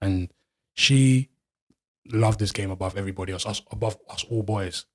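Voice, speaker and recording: A man's voice: fairly low pitch, moderate pace. A man with a London accent chatting casually in roadman slang, often repeating phrases for emphasis on a podcast panel. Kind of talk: casual chat.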